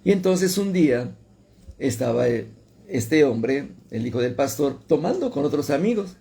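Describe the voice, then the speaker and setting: A man's voice: mid-range voice, very animated, unhurried, gravelly, mellow. A man preaching a radio sermon, telling a story and repeating phrases for emphasis. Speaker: pastor.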